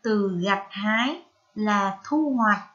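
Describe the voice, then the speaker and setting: A woman with a Vietnamese accent teaching a reading lesson to young children, spelling out syllables carefully and prompting them gently. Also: medium pitch, slow pace, muffled recording. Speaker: primary school teacher.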